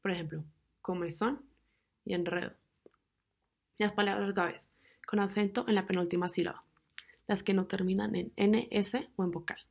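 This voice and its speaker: A young woman presents to her class on grammar rules, her mid-range voice carrying a slight gravelly fry. She works through the rules and example words at a measured, steady pace.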